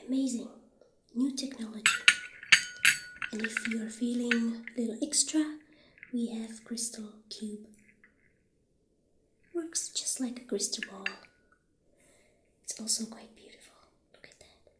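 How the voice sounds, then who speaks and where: A woman speaking softly and breathily, often near a whisper, gently playing a friendly witch shopkeeper in an ASMR roleplay. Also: on the high side. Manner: gentle, unhurried, halting. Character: friendly witch shopkeeper showing potion ingredients. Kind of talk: soft-spoken ASMR roleplay. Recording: roomy echo, faint background noise.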